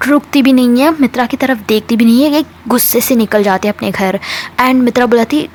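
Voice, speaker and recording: A woman's voice: fairly high pitch, slight background noise. A woman casually retelling a romance story, chatty, with fillers and repeats.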